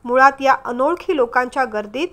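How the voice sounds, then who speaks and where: A woman's voice: high-pitched, fairly quick, a bit bright. Woman voicing a stern, caring ex-husband. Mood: pleading. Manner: firm, concerned, scolding. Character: caring, stern divorced man, young adult.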